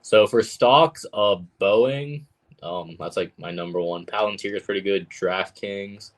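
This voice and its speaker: A man's voice: on the low side, unhurried. A man talking casually as a guest on a livestream, filling his speech with "like". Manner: loose, heavy use of "like".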